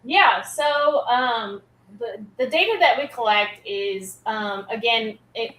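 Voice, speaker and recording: A woman's voice: a little high, slow, a bit bright. A woman guest on a podcast, explaining school nursing work in an upbeat way with many fillers. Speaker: school health program guest. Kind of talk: casual interview chat. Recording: echoey room.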